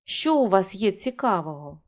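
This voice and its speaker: A sly, greedy village innkeeper wheedles in an eager, coaxing tone, voiced by a woman reading aloud. The voice sits at an everyday middle pitch. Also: sing-song, moderate pace, close to an everyday voice.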